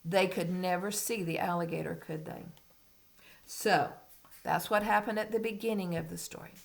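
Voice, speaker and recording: A woman reading a picture book aloud as if to a toddler, with simple questions and expressive, teacherly storytelling. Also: fairly low pitch, normal speed, creaky. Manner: simple child-directed talk, as if reading to a toddler; expressive storytelling, dropping to hushed asides.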